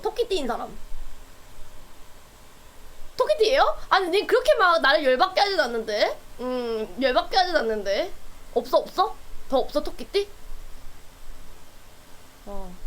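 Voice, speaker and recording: A woman's voice: sits high, a bit bright. A woman streamer chatting casually with her viewers, playful and teasing, often breaking into laughter.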